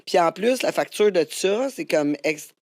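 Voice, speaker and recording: A woman's voice: fairly low pitch, expressive, a little slow, a little mellow, no room sound, clean studio sound. A woman with a Québécois accent hosting a podcast, chatting casually and laughing easily with her guest. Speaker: podcast host. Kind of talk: casual chat interview.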